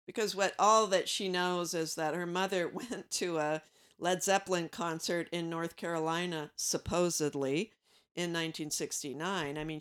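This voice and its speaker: A woman's voice: sits low, fairly bright tone, clean tone. A woman co-hosting a casual chat, retelling a book with some hesitant fillers.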